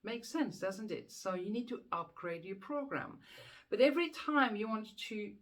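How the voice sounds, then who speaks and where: In a self-help video, a Swiss-accented woman hypnotherapist explains the subconscious mind at normal speed, her voice medium-pitched. She comes across as earnest and repetitive, echoing words while thinking and posing rhetorical questions.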